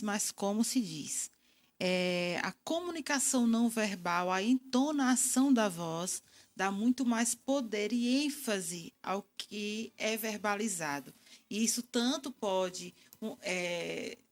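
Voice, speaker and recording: A middle-aged woman answering interview questions in a calm, reflective, explanatory way. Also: medium pitch. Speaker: guest communication expert.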